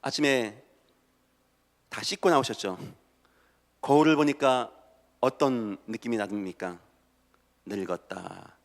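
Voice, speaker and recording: A male pastor preaching a Sunday sermon, swinging from loud exhortation to soft, hushed asides. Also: mid-range voice. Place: church sanctuary. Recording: church hall with long reverb.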